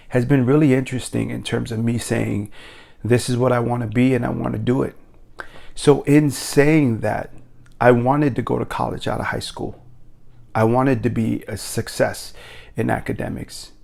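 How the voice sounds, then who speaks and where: A middle-aged man from Tonga speaks as a personal development coach, in a gravelly voice pitched in the middle range. He talks slowly and reflectively, with many pauses and fillers, giving a motivational talk from his office. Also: darkish tone. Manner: measured, reflective, drawn-out phrasing with frequent fillers.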